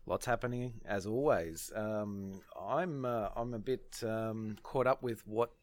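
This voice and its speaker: An Australian man in an informal radio discussion of current affairs, speaking in a halting, hesitant way. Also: fairly low pitch, no echo. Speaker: radio panellist.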